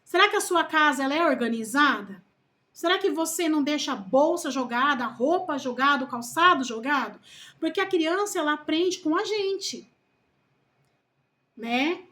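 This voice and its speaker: A Brazilian woman with a high voice chats to camera as a first-time mother vlogging about parenting. She talks slowly and earnestly and asks her viewers a lot of rhetorical questions. She softens her words with little diminutives. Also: expressive. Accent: Brazilian Portuguese. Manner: calls herself loud-spoken. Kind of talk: casual talk to camera.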